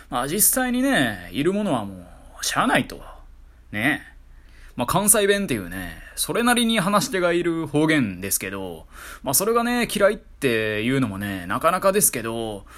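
A man's voice: medium pitch, fairly bright tone. A man with a Kansai accent talking alone in a casual monologue, making sardonic, ranting asides about phrases that bother him. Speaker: solo talk streamer.

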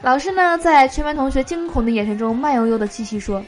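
A woman's voice: sits high, steady tone, fast, faint music behind. A woman hosting a show, reading short jokes aloud and laughing at her own punchlines. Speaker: host.

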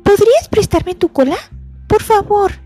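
A woman's voice: very high-pitched, unhurried, mellow, faint music behind, pitched above the performer's own voice. A woman voicing a small, polite young girl lizard who asks sweetly and hopefully for help. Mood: pleading. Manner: pleading, sweet and childlike.

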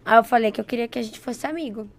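High-voiced young woman telling stories. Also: rapid-fire, very noisy. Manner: lively storytelling, laughs often. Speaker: guest. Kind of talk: casual chat.

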